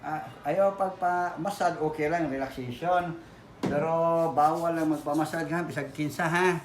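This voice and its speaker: A man's voice: fairly high pitch, steady tone, moderate pace. A man, a holistic therapist chatting and coaxing a client through treatment. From Philippines. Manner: coaxing, reassuring, repeats short checks. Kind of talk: casual talk while treating a client. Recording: echoey room with music behind.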